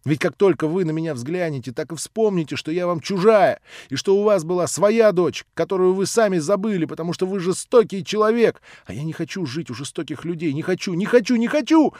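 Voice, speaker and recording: A man's voice: high voice, lively intonation, a little fast, few pauses, a little mellow, no room sound, studio quality, pitched above the performer's own voice. A man voicing a proud, tormented orphan girl who bursts out tearfully and shrilly. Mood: defiant.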